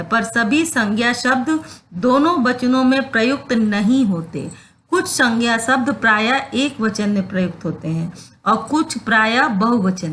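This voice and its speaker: A woman's voice: a little high, a bit bright, slight background noise. A woman teacher explaining a grammar lesson, saying each example word twice and spelling out the rules step by step. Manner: repeats each example word slowly and deliberately.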